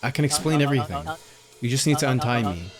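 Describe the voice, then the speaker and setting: A man's voice: mid-range voice, expressive, fast talker, natural voice. Guy doing a slick folksy old man, all reassuring and persuasive, game music under it. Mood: coaxing. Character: folksy older man, smooth-talking and evasive. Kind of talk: voicing game dialogue.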